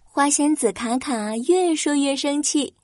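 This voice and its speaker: A woman's voice: high voice, a little slow, a little mellow, no room sound. A woman reading a scripted children's story as its narrator.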